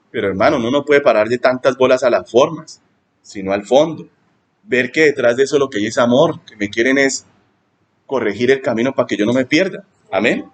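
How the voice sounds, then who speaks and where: Preaching with animation, a male pastor mimics members of his church using high, mocking voices.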